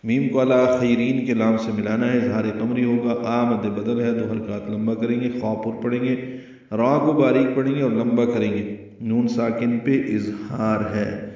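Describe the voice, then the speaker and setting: A man's voice: mid-range voice, fairly even intonation, dark tone. Urdu-accented man teaching in a cavernous echo. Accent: Pakistani Urdu. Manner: slow, careful explanation of pronunciation rules. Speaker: Quran recitation teacher. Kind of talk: tajweed lesson with chanted recitation. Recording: very echoey, distant, slightly muffled.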